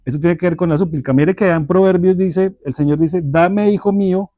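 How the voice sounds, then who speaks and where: A man teaching a church parenting class, speaking in a measured, deliberate way and often checking in with his listeners. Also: fairly high pitch, steady tone, mellow, no room sound, dull audio. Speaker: Bible study teacher.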